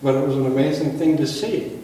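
A man preaching and leading a communion liturgy as pastor, in an earnest, measured way. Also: a little high, warm tone. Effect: cathedral echo, voice ringing through a large hall. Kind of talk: sermon and spoken liturgy. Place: large church sanctuary, indoors. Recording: echoey hall, voice picked up from far off, faint background hum.

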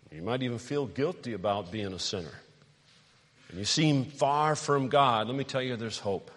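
A middle-aged male pastor preaching a sermon, animated, telling stories and asking the congregation questions. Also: on the low side. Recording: long hall reverb.

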